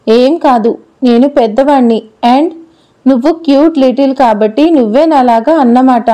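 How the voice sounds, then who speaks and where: A playful, doting grown man teases and coaxes a little girl in a storybook, voiced by a woman. The voice stays high and mellow and does not drop to a man's range. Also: moderate pace, close to an everyday voice. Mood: teasing. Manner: teasing, coaxing.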